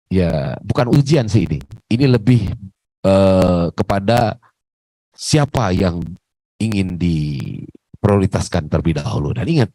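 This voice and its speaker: A male moderator on a religious radio talk show. He speaks in a fairly low voice, conversational and reflective. The studio sound is dry and close. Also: warm tone, no echo, rough recording.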